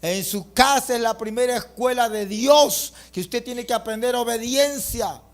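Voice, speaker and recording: A middle-aged man preaching a fiery sermon as pastor, breaking into loud bursts and acting out quotes. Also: very high voice, unhurried.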